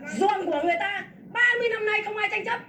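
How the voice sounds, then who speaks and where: A Vietnamese farmer angry about her land being seized talks fast in a very high, sharp-toned voice. Her public tirade is fierce, scolding and repetitive; the audio is echoey from a far-off mic and carries a little hiss or hum.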